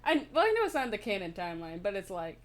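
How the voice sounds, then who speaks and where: Young woman streamer, casual and laughing, with a lively, varied pitch. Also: rapid-fire. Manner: chatty, laughing, swears casually. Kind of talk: casual game commentary.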